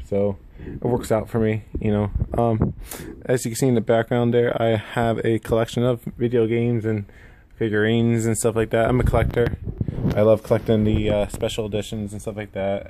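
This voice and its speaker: A man speaks in a fairly low, very mellow voice with a lisp that stretches his S sounds. He rambles casually and modestly, as in an unscripted gaming vlog recorded at home. A little background noise sits behind him. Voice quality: lisp with drawn-out, slurred S sounds. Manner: rambling, self-effacing. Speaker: gaming YouTuber introducing himself. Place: indoors at home. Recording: noticeable room noise.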